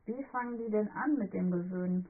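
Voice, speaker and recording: A woman's voice: medium pitch, a little fast, narrow, tinny audio, lightly acted. A woman voicing a naive, good-natured young girl who speaks in a plain, puzzled way.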